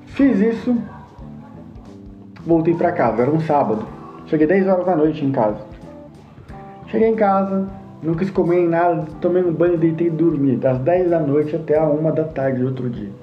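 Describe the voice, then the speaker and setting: A man's voice: a little high, normal speed. A man telling a personal testimony in an earnest way, acting out the dialogue he remembers. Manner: earnest, acts out quoted dialogue. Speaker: storyteller. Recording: roomy, dull lo-fi sound with faint guitar.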